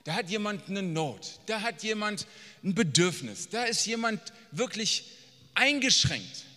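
Blunt, bright-voiced preacher in a reverberant hall. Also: male voice, high-pitched, animated, unhurried. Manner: emphatic and blunt, swinging from quiet asides to near-shouting. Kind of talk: sermon. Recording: long reverb of a large hall.

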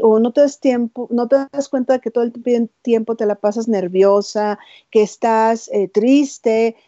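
A woman hosts a casual interview chat with enthusiasm. Her slightly high voice has a mellow, warm tone. The recording is dry and a little dull. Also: no room sound. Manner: enthusiastic, tag questions. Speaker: host.

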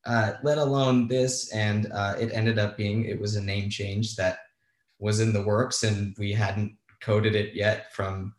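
A man's voice: fairly low pitch, flat delivery, measured pace, roomy sound. A man, a guest on a talk show, telling a story casually, candid and self-deprecating, with some swearing. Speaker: guest, former bond trader.

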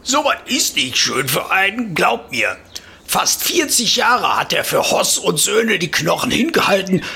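Casting: male performer as chatty old Ruhr grandpa, rambling stories, bright gravelly delivery, folksy podcast comedy. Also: high voice, voice pushed up, full character voice. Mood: rambling, nostalgic. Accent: Ruhr area German. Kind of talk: comic storytelling in a podcast.

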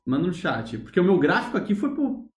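A man's voice: sits high, sing-song, brisk, reverberant. A man with a Brazilian accent hosting a live podcast, joking, teasing and reading questions from the chat. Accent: Brazilian Portuguese. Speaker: podcast host.

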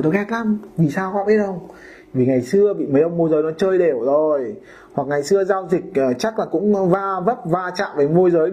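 Male podcast host, high voice, colloquial storytelling that slips into mimicked voices, dull lo-fi sound. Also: dark tone. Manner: colloquial, acts out homeowners and brokers in quoted voices. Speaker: podcast host, real estate broker. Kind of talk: casual podcast monologue.

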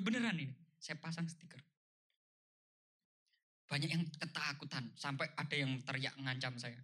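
A man leads a motivational seminar in a bright, forceful voice that sits a little high. He drives his points home by repeating them and keeps asking his listeners rhetorical questions. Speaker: seminar speaker. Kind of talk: motivational seminar talk to a live audience.

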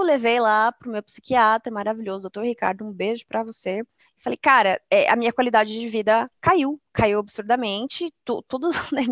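A woman's voice: medium pitch, a bit bright, dry recording, muffled recording. A woman chatting candidly, rambling with many restarts and quoted speech. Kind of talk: casual personal chat.

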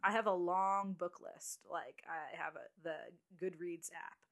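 Woman, late twenties, podcast guest, lowish voice, chatty, halting restarts. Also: steady tone. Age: 20s. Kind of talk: casual chat.

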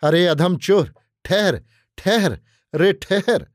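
A man's voice: fairly high pitch, steady tone, a little slow, darkish tone, no room sound, studio quality, natural voice. A man voicing a proud dying demon prince in a dramatic audiobook reading, roaring at first, then speaking in broken, gasping words. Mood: raging.

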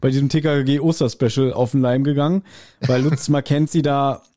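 A man's voice: medium pitch, steady tone, fairly quick, mellow. A man co-hosting a casual podcast chat, explaining his thoughts at length. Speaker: podcast co-host.

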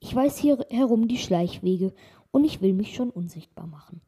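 A woman voicing a scheming young man in a storybook reading, talking in a hushed, conspiratorial way. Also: mid-range voice, animated, normal speed, natural voice. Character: scheming young male swindler.

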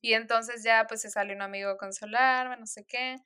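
Smooth-voiced young woman chatting. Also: a little high, steady tone, moderate pace, pushed and bright. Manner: chatty storytelling with frequent laughs and fillers. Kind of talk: casual chat.

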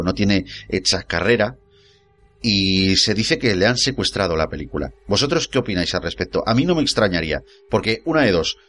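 A man tears into a movie on a casual podcast, his pitch leaping and dropping as he rants. He swears freely and slips into mocking voices to act out the scenes. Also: fairly bright tone. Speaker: podcast co-host. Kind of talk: casual film debate.

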